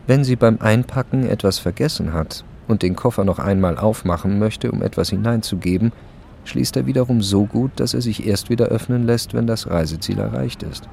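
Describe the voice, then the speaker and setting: A man narrating a radio play in a calm, measured storytelling voice. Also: on the low side, vocal fry, slight background noise. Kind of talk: scripted narration.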